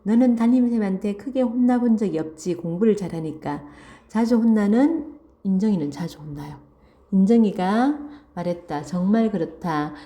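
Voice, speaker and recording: A woman's voice: medium pitch, warm tone. A woman teacher reading a story aloud and explaining it line by line, repeating key words and checking in with students. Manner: reads passages aloud, then restates key words slowly and asks "그치?". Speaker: Korean language teacher. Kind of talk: online literature lesson, reading and explaining a story.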